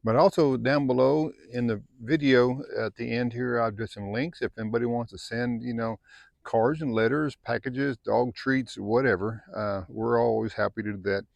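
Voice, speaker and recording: A man's voice: mid-range voice, moderate pace, vocal fry, a little mellow, no room sound, muffled recording. A middle-aged man talking casually to camera at a desert camp, rambling easily with lots of fillers. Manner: easygoing, rambling, many fillers. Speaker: vlogger. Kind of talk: casual vlog talk to camera.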